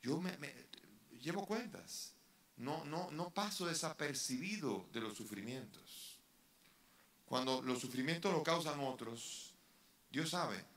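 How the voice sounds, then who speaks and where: Man preaching in a church, kinda high voice, lots of echo, asks big questions. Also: lively intonation, takes it slowly, fairly bright tone. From Dominican Republic. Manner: earnest preaching with rhetorical questions and rising emphasis. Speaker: bishop giving a retreat talk. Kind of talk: sermon. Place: parish church. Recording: echoey church hall.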